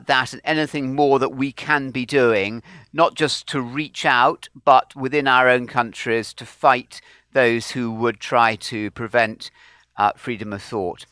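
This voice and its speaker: A man hosting a live conference Q and A, brisk and genial with a self-deprecating touch. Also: mid-range voice, a bit bright, clean tone, no room sound, studio quality. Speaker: conference host and moderator. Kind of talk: moderating a live Q and A.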